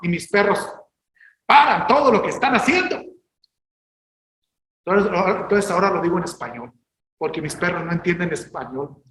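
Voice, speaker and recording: A male pastor preaching a sermon, emphatic and at times rising to shouted exhortations. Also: high voice, echoey room, low-quality recording.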